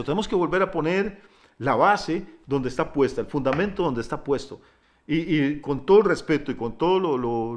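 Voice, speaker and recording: A middle-aged man preaching a sermon as pastor, emphatic, moving between loud declarations and quiet asides, stacking up lists of words. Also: mid-range voice. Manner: repeats words, piles up lists.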